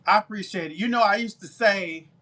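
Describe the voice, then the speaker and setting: A man's voice: high voice, brisk. A man from Alabama with a Southern accent, chatting casually with viewers on a live baking stream. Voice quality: talkative, warm down-home manner. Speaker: baker and live-stream seller.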